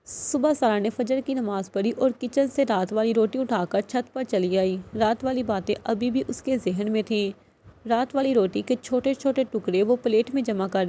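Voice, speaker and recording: A woman reads a novel aloud in a steady, storytelling manner. Her voice sits fairly high for a woman. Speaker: audiobook narrator. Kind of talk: scripted novel narration.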